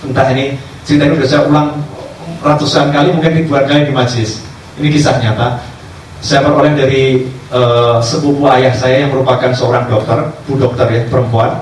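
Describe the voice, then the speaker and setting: A man, a religious teacher telling stories in a sermon, acting out dialogue in lively voices. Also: medium pitch, fairly quick. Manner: animated storyteller acting out dialogue. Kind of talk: sermon storytelling. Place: cafe gathering. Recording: echoey distant room recording, faint background noise.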